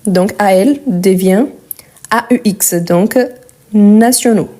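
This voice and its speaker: A woman with a medium-pitched, mellow voice teaches French grammar in a live online lesson. She patiently repeats each word slowly and asks viewers questions.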